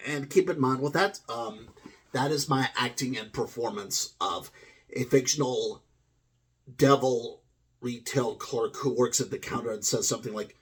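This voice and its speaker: Man, game reviewer, husky breathy voice, meandering, lots of ums and restarts, middle pitch. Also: unhurried. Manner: hesitant, meandering, many fillers and restarts. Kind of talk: rambling spoken review monologue.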